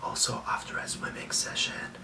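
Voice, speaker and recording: A young man from Lithuania, giving soft, reassuring self-care tips in a whispered ASMR talk. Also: reverberant, recorded from a distance, very noisy. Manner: soft, slow and gently reassuring. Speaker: ASMR host.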